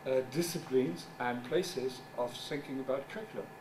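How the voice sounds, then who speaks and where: A non-native man with German as his first language lectures haltingly at a conference, searching for words and adding wry asides in his mid-range voice. He is a journal editor giving a talk in a conference room, captured by a faraway mic with background noise.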